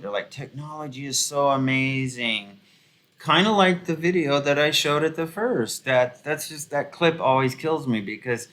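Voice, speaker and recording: A man's voice: mid-range voice, bright, forceful tone. A man giving casual, rambling commentary full of ums and restarts, with a sarcastic, mocking edge. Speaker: video commentator.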